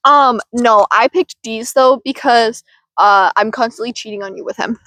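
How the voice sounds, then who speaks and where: Out in the woods, a giggly, playful podcast co-host chats casually into a handheld mic that gets passed around. She speaks at a moderate pace in a fairly high, pushed, bright voice, with no room sound.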